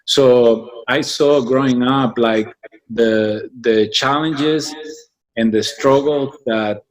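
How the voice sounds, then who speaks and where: A Mexican man, the founder of a business association, answers interview questions as a guest. His mid-range voice is a little mellow, and he speaks haltingly and thoughtfully, with many fillers and restarts.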